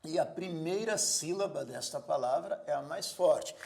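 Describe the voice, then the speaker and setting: A man teaching a grammar lesson, slowly stressing the syllables of example words. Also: a little high, vocal fry, darkish tone. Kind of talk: recorded lecture.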